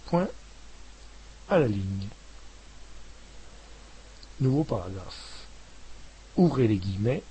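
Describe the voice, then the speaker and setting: A man reading a dictation aloud slowly, articulating each word and saying the punctuation marks in a lower voice. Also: sing-song, warm tone, a little hiss or hum, low-quality recording. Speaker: dictation reader. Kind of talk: slow dictation with spoken punctuation.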